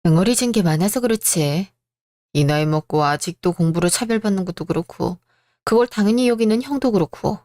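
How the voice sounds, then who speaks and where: A hardworking younger son worn down by years of family favoritism, voiced by a woman. He speaks bluntly, with steady bitterness. It is a close, dry radio-drama read. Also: medium pitch, brisk, no room sound, lightly acted. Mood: weary.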